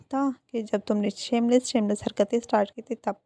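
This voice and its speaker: A woman voicing a shy, affectionate young man who coaxes gently. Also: on the high side, fairly even intonation, normal speed, no room sound, close to an everyday voice. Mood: coy.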